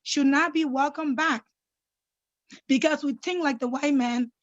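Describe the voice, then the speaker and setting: A woman's voice: sits high, a little slow, no echo. A woman from Liberia, joining by video call, speaking insistently and indignantly, tagging her points with "right?". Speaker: caller. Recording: dry, dull lo-fi call audio.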